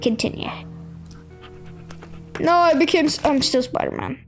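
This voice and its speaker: A woman giving jumpy, excitable commentary over her own gameplay, often yelling at the game. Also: high voice, measured pace, faint music behind, rough recording. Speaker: gaming video creator.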